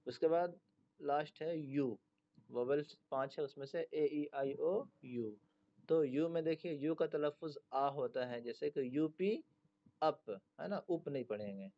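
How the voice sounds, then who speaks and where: A man's voice: on the high side, measured pace. Man spelling words out in a lesson. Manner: patient, spells words letter by letter. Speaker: English teacher. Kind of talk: classroom lesson explaining pronunciation. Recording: dull lo-fi recording.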